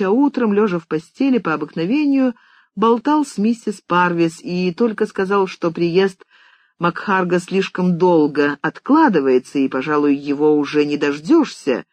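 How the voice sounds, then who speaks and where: An expressive audiobook narrator whose voice rises and falls a lot. The recording is dry and close, with no room sound. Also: medium pitch, no room sound. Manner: lively, expressive reading. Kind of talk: scripted narration.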